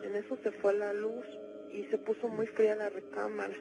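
A woman's voice: medium pitch, level tone, normal speed, vocal fry, music in the background, natural voice, low-quality recording. A woman playing a frightened teenage girl who calls a radio show, possessed by a demon. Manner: pleading, panicky, breaks into screams. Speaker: caller. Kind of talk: dramatized radio call.

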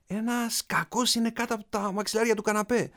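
A man voicing a calm, encouraging father who speaks gently and playfully to his young son in a spoken story. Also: medium pitch, voice pushed up, lightly acted.

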